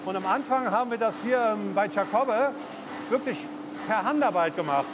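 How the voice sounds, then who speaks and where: A man in his fifties from the Eifel who heads a lasagna factory, explaining the production line in a relaxed way with fillers. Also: high voice, moderate pace, background noise. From Eifel region, Germany. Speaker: factory head. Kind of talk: on-site interview. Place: large food factory floor. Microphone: lapel mic. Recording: music underneath.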